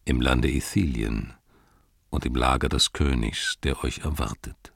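Gandalf, a man doing a deep, calm old wizard. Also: creaky, no room sound, clean studio sound, full character voice. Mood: gentle. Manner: calm, measured, soft-spoken. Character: wise old male wizard, calm and gentle.

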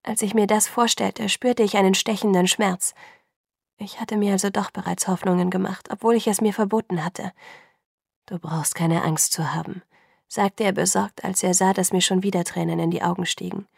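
A woman narrating a first-person novel in an even, intimate storytelling manner. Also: mid-range voice, brisk, creaky, no echo, clean studio sound. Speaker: audiobook narrator.

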